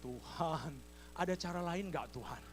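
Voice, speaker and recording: A male preacher voicing a desperate man who clings to a branch on a cliff and pleads loudly for help, his voice climbing high. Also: unhurried, a little hiss or hum, natural voice. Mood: desperate pleading. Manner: pleading, crying out to God.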